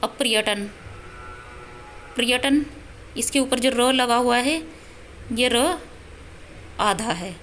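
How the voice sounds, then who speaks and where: Female teacher, patient explainer, slightly high voice, light background hiss. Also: slow pace, long pauses, fairly bright tone. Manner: patient explaining, spelling out syllables. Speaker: Sanskrit teacher. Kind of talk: self-study lesson.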